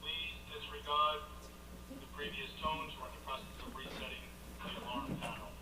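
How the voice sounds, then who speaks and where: A man, the building's fire and life safety director, making a formal, measured announcement over the building intercom. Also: on the high side, fairly even intonation. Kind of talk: public address announcement. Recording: distant echoey loudspeaker with noise.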